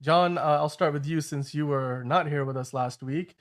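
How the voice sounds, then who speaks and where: A man's voice: fairly high pitch, moderate pace. A man hosting an entertainment news show, giving casual commentary in a loose, conversational way with frequent asides.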